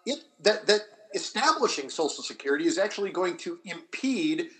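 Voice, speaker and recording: Speaking as a history scholar in a panel discussion, this man has a high voice with big pitch swings and a slightly bright tone. His unscripted explanations are deliberate, marked by halting restarts and repeated phrases.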